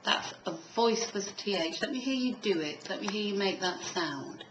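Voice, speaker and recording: A woman's voice: medium pitch, expressive, moderate pace. A woman teaching a one-to-one pronunciation lesson, giving instructions, demonstrating sounds and prompting with questions. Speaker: elocution teacher. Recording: echoey room with faint background noise.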